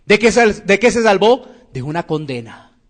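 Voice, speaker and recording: A man preaching a sermon, asking rhetorical questions and swinging between emphatic and quiet phrases. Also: high-pitched, big pitch swings, moderate pace. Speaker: pastor.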